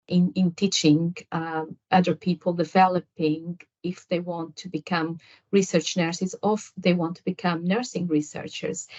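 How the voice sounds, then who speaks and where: A woman guest on a nursing podcast whose first language is Portuguese, answering at length with many fillers and restarts. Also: on the low side. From Angola. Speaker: nurse guest. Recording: slightly dull lo-fi audio.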